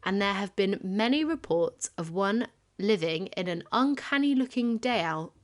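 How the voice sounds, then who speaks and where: A young woman with a Bristolian accent chats her way through folklore notes as a podcast co-host. She giggles often, adds self-deprecating asides, and sounds deeply tired. Her pitch sits in the middle of the female range. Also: expressive, normal speed. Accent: Bristolian English. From Bristol, England. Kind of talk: casual chat, presenting folklore research.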